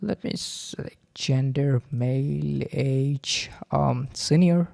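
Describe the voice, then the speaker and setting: Gravelly-voiced man walking through software. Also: mid-range voice. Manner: halting, many fillers and repeated okays, loose grammar. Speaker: software reviewer. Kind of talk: casual screen-recording tutorial.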